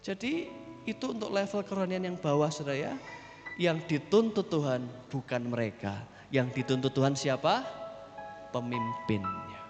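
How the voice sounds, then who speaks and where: A man's voice: on the high side, moderate pace, dull audio. A pastor with a Javanese accent preaching an impassioned sermon to his congregation. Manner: impassioned, exhortative, frequent audience address. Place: church sanctuary. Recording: church hall reverb, faint music.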